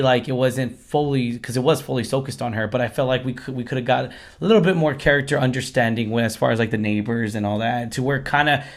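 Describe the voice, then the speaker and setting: Hoarse, quick-talking male movie review host. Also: medium pitch. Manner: effusive, repeats himself. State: hoarse, lost his voice after singing at a concert. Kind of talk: casual film review chat.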